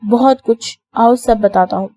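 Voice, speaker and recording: A woman voicing a young husband in a scripted audio novel reading, speaking softly and affectionately. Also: fairly high pitch, no echo, studio quality. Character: young man, teasing protective husband.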